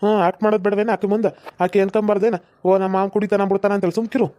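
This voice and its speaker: A woman's voice: mid-range voice, level tone, rapid-fire, mellow, close to an everyday voice. A woman playing a touchy grown son who brushes off his mother, in a comedy sketch. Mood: irritated. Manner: brusque, defensive. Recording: slightly dull lo-fi recording.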